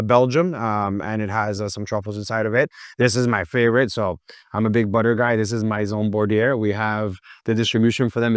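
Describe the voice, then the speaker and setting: A Miami man who owns a food boutique chats casually and at length in an interview, relaxed, talkative, and full of fillers. His voice sits on the low side and sounds smooth, captured in a clean studio with no echo.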